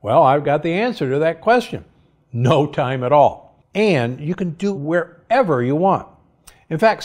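Lively older man giving health advice. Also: a little high. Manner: lively, upbeat, reads from cue cards. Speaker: podcast host and doctor. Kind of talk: scripted health advice monologue. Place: studio set with armchair and bookshelf.

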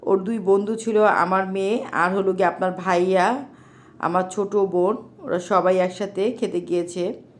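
A woman's voice: medium pitch, steady tone, normal speed. A middle-aged mother with a Bangladeshi Bengali accent, narrating her family vlog in a homely, chatty way and talking straight to her viewers. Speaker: vlogger, mother.

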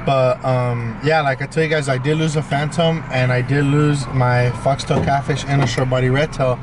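A young man chats casually about his fish. He is relaxed and matter-of-fact, with a mid-range voice. The phone recording is noisy throughout. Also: medium pitch, normal speed. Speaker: fish-keeping vlogger. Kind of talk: casual chat.

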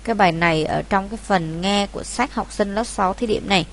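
A woman's voice: medium pitch, fast talker, a little hiss or hum. A woman from Vietnam teaches a class of students through an exam paper, step by step. She speaks in a mid-range voice and patiently goes back over the key points for them. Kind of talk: exam walkthrough lesson.

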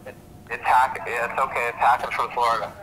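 A man's voice: medium pitch, flat delivery, fast, crowd noise, poor audio. A man, an assistant volleyball coach, talking casually and upbeat in slangy words over a speakerphone call. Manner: laid-back, slangy, upbeat. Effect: heard over a speakerphone call. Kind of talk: casual phone chat.

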